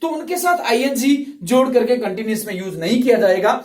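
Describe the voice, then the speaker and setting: A man's voice: very high voice, animated, fairly quick. Roomy, distant male English tutor. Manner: patient and repetitive, drawing out sounds. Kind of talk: classroom grammar lesson. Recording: roomy, voice from off the mic.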